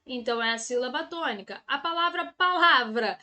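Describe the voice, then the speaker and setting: High bright-voiced Brazilian woman teaching. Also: animated. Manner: upbeat, chatty, drawn-out teaching emphasis. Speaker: Portuguese teacher. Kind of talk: exam-prep video lesson.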